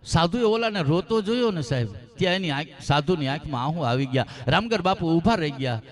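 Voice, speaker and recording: High-voiced folk storyteller. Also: male voice, lively intonation, a little fast. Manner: impassioned, addresses listeners as sir, recites verses.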